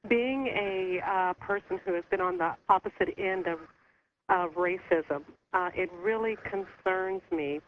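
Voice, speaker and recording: A woman calling in to a radio talk show over the phone, speaking earnestly with a concerned, halting manner. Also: medium pitch. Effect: heard over the phone. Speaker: caller. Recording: muffled phone line with faint hiss.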